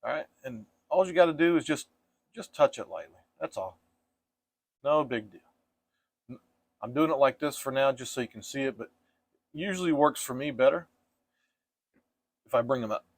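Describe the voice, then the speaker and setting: A man teaching painting step by step in a casual, gentle and reassuring way, like an easygoing instructor. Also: medium pitch, lively intonation, normal speed, pauses often, no echo.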